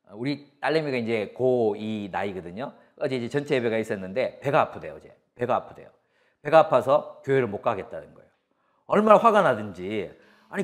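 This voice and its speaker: A man in his forties preaching a sermon, his pitch swinging widely as he drives points home. He repeats short emphatic lines in a steady preaching cadence and slips into personal stories. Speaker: pastor.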